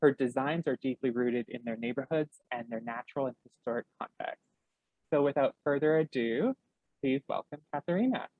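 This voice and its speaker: Male host reading a formal welcome, mid pitch, dry sound. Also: expressive, moderate pace, no room sound, phone-quality sound. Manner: scripted and formal, with a slight stumble. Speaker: public program coordinator and host. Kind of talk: read introduction.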